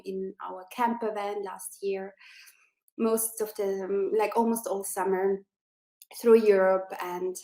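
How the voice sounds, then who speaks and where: A woman's voice: mid-range voice, darkish tone, reverberant. A woman in her forties from Austria, an interview guest on a video call, chatting enthusiastically with many fillers. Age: 40s.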